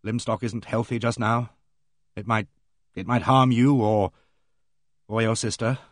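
A reserved country doctor, read by a male narrator, dry and low-key, with a guarded, hesitant delivery. The sound is close and dry. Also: fairly even intonation, measured pace, no echo, lightly acted.

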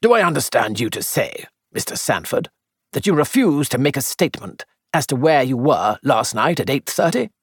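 A reader voicing a methodical police inspector, asking formal, measured questions. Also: medium pitch, very animated, slightly rough, no room sound, clean studio sound. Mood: probing.

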